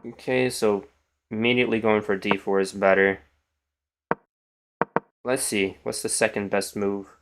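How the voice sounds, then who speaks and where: A young man streams a chess game on little sleep, still in his morning voice. He sits a little low in pitch and drifts between quiet mumbling and casual chatter to his viewers. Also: steady tone, measured pace, long pauses, a little hiss or hum. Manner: mumbling, thinking aloud, trailing off. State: tired, morning voice. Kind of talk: casual live-stream commentary.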